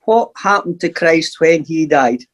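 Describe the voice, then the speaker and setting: High-voiced Scottish man telling a story. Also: unhurried. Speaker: panelist. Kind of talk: anecdote told in a panel.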